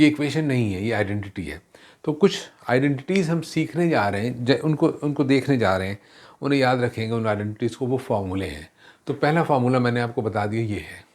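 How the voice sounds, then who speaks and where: A man teaches a math lesson at a middle pitch. He mixes in English terms, asks rhetorical questions and corrects himself as he works through each step. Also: darkish tone.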